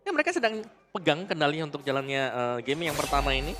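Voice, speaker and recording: A man's voice: a little high, sing-song, quick pace, fairly bright tone, slight background noise. A man with an Indonesian accent giving live analysis as an esports commentator, with game announcer hype. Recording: music behind.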